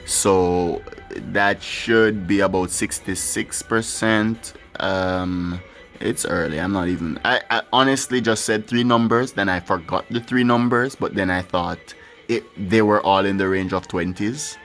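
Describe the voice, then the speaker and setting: A gaming channel host rambles casually through gameplay commentary, swearing now and then and speaking candidly as he plays. His voice sits low and is a bit bright, at a measured pace, while his own music plays faintly behind him.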